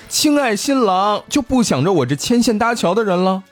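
With soft music in the background, a man with a high-sitting voice speaks at normal speed. He hosts a podcast, telling a ghost story in a lively, playful way and joking around with his co-hosts.

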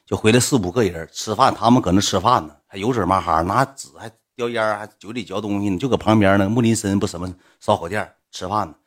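A man telling a story casually, in animated slang that swings into loud retorts. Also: lowish voice, quick pace, few pauses.

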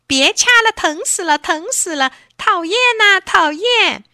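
A shrill, whiny little boy from a storybook yelps and protests, his voice jumping high and loud. A woman puts him on while reading aloud, in a dry, close recording. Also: lively intonation, measured pace, no echo, full character voice. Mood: pained, whiny. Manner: crying out in pain, high and loud. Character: whiny little boy who pinches others.

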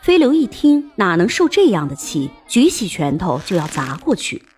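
A woman narrating a historical-fiction audiobook in an expressive storytelling manner. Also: lowish voice, normal speed, soft background music.

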